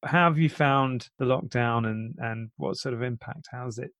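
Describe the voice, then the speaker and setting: A man's voice: medium pitch, normal speed, a bit bright, no room sound. A man hosting a podcast interview, asking easygoing questions with a joking touch. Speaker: podcast host. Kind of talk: casual interview.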